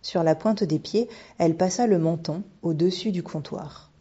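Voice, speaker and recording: A woman calmly narrating a storybook in a measured reading, with a dull lo-fi sound. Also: on the low side, breathy edge. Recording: dull lo-fi recording.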